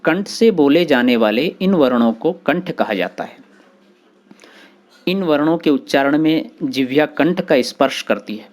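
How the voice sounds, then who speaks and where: A man teaching grammar, explaining slowly and sounding out letters one by one, with short recited rules between them. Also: a little high, lively intonation, a little mellow. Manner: slow, deliberate, spelling out sounds one by one. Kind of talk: explanatory lesson.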